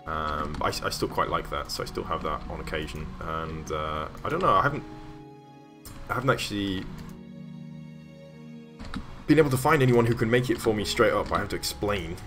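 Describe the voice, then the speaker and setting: A man's voice: low-pitched, brisk, long pauses, over music. A man streaming while he builds, chatting casually and rambling with many fillers and restarts.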